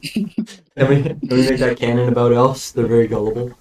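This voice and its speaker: A man sits back from the mic in an echoey room, bantering as a tabletop player. His mid-pitched voice is blunt and teasing. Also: fairly even intonation, a little fast, a little mellow. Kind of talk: casual game-table banter. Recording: roomy, distant from the mic.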